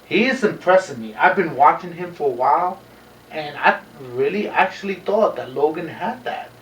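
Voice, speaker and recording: A man's voice: on the high side, expressive, normal speed, a bit bright, lo-fi sound. A man co-hosting a wrestling show, brash and boastful, dropping Spanish phrases into his talk. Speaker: wrestler and co-host. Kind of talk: boastful wrestling promo chat. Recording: echoey room, distant mic, faint noise.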